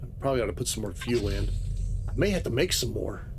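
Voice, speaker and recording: A man's voice: lowish voice, lively intonation, fast, background noise. A man streaming a game live, talking casually and rambling through his explanations, with plenty of fillers. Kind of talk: live gameplay commentary.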